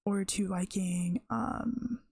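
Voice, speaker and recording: A woman's voice: mid-range voice, steady tone, extremely slow, a little mellow, slightly rough. A woman streamer chatting casually and rambling on a live stream, often breaking off mid-thought. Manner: rambling, chatty, self-interrupting.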